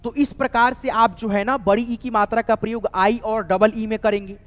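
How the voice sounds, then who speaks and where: A high-voiced English teacher speaks at a moderate pace, steady and fairly bright, in a reverberant room. Teaching students to write names, he spells each word letter by letter, often checks back with them, and keeps saying "doston" and "theek hai."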